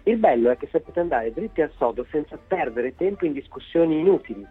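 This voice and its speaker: A man gives a breezy, theatrical horoscope reading as a guest astrologer. His voice is husky and comes through a muffled phone line. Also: on the high side, lively intonation, quick pace, faint music behind.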